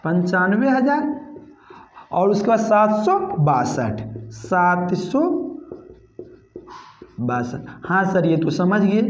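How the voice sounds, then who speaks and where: A male math teacher giving a step-by-step classroom lesson, counting digits aloud slowly and repeating himself, calling his students "sir" and "babu". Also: high voice, darkish tone. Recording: echoey room, dull lo-fi sound.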